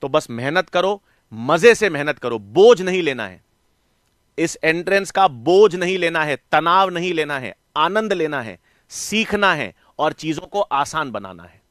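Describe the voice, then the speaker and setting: High-voiced, bright Indian man teaching biology. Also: lively intonation, measured pace, no room sound, clean studio sound. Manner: coaxing, calls students "beta" and "bachche"; asks questions and answers them himself. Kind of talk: online class lecture.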